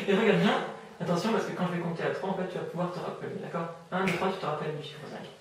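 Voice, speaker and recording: A higher-pitched man leads an amateur hypnosis session, repeating calm suggestions in a soft, lulling way and often stumbling over fillers. He sits some way from the mic in a very echoey room with faint background hiss. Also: distant mic. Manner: slow soothing repetitive suggestions; hesitant, many fillers.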